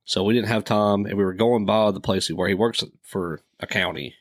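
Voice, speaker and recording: A man's voice: lowish voice, fairly even intonation, normal speed, dry recording, studio quality. A man, telling a profane story casually on a podcast and laughing through it. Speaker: podcast co-host.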